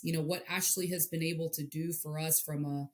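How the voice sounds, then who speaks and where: Low-voiced earnest woman coach. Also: fairly even intonation, fairly quick. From Hawaii. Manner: earnest, repeats words while searching for them. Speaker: softball head coach. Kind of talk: interview guest.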